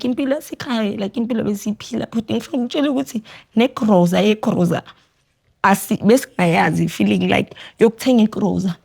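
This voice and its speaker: A young woman with a South African accent telling a personal story as a podcast guest, quiet and reflective, switching between Zulu and English. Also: a little high, gravelly. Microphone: studio podcast mic.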